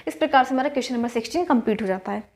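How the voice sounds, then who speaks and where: A woman's voice: on the high side, very fast. A woman math teacher, patiently explaining a solution step by step and often checking that students follow.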